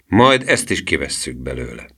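A man doing a slow, grumbling police sergeant. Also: extremely low pitch, big pitch swings, a bit bright, husky, exaggerated voice. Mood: gruff.

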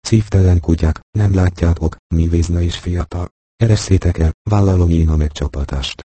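A man doing a gruff, loyal soldier. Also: low voice, warm tone, no room sound. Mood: angry. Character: loyal grown soldier, gruff and good-humoured.

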